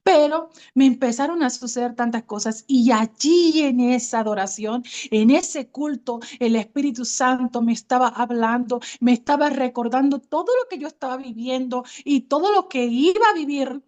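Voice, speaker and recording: A woman's voice: high voice, moderate pace, few pauses, a little mellow. A woman from Colombia with a Colombian accent gives an earnest testimonial sermon and speaks straight to her listeners as sisters. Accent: Colombian Spanish. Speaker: women's ministry speaker.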